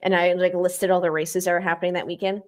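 A young woman, a motorsport streamer, chatting as a guest in an interview, bubbly and animated as she tells stories. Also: on the low side. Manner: bubbly, animated storytelling with quick asides. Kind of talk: casual interview chat.

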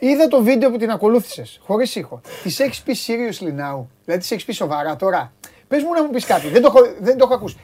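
A man's voice: sits high, sing-song, a little mellow. Teasing, exclamatory male sports host. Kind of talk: casual studio chat.

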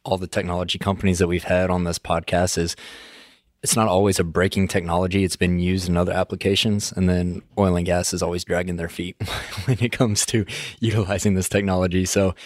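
A man's voice: low voice, flat delivery, brisk, a little mellow, no echo, clean studio sound. A man co-hosting a podcast in a casual, conversational style. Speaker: podcast co-host.

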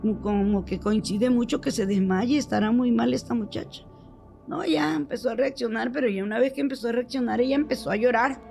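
Older lady telling a story, acts out the people in it, high voice with lots of fry. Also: a little fast, faint music behind. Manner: animated, acts out the people she quotes. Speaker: storyteller guest. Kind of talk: telling a true story in a chat.

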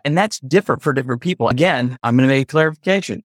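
Racing along in a medium-pitched voice, a male podcast guest from the US East Coast, a culture consultant, talks earnestly and reflectively in a casual interview, stopping to clarify points. The recording is dry with clean studio sound.

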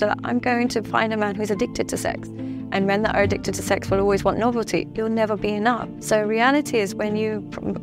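A woman explains relationship dynamics with calm assurance, stepping into quoted thoughts to make her point. Music plays clearly behind her voice. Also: mid-range voice. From Dubai. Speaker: podcast guest. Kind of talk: relationship advice in interview.

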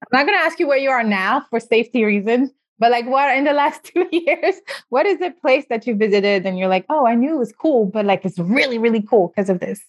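A woman hosts a casual podcast interview in a fairly high, expressive voice at a fairly quick pace. Her talk is chatty and full of fillers and restarts.

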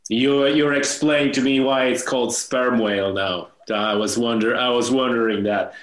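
A man's voice: mid-range voice, steady tone, moderate pace, fairly bright tone. A man hosting a casual interview, informal and curious, rephrasing his questions as he goes. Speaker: podcast host. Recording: roomy, echoey microphone sound.

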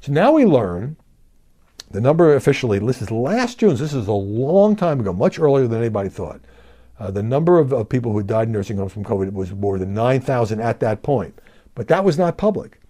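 Animated, mellow-voiced male news commentator. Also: mid-range voice, brisk. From Brooklyn, New York. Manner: animated, emphatic, conversational. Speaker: news media commentator and show host.

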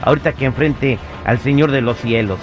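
A man's voice: mid-range voice, brisk, highs cut off, music in the background. A man hosting a morning radio prank segment, joking and egging the prank on. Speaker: radio show host.

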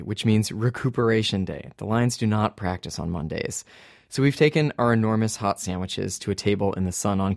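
Male host-narrator, 40s, low-pitched with a creaky edge, wry scripted delivery. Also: a little mellow, dry recording. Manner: dry, wry storytelling. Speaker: podcast host and reporter.

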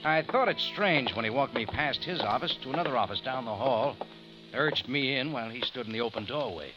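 A man's voice: medium pitch, animated, a little fast, natural voice. Man doing a tough guy telling his story, lots of up and down in the voice, dull old radio sound with music. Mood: hard-boiled narration. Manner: clipped and wry. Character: tough hard-boiled male adventurer. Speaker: narrator and lead. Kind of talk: 1950s radio drama acting.

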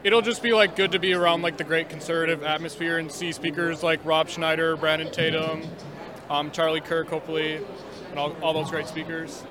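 A man from Minnesota answers casually and hesitantly, his fairly high voice held flat. A crowd can be clearly heard around him outdoors. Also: fairly quick. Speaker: interviewee.

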